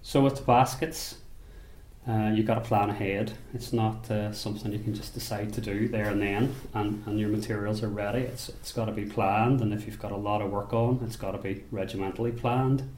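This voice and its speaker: Low, flat-voiced Northern Irish man. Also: roomy sound, slight background noise. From Belfast, Northern Ireland. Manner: unhurried, thoughtful, with frequent restarts. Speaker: basket maker. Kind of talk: interview monologue. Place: rural workshop or home.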